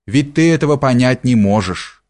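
A man voicing a conceited young valet who talks down with pompous, drawn-out condescension. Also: medium pitch, lively intonation, darkish tone, lightly acted. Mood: condescending.

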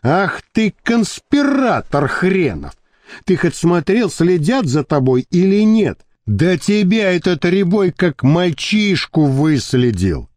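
Guy putting on a raging big thug, roaring and swearing, lively pitch. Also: a little slow, no echo, studio quality. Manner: roaring, abusive. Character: furious hulking male thug.

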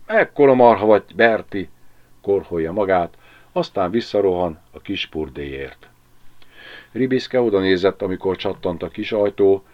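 A man narrates an audiobook in a very low voice, telling the story in an expressive, measured way. His intonation rises and falls in lively swings. The recording sounds slightly dull and muffled. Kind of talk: audiobook reading.

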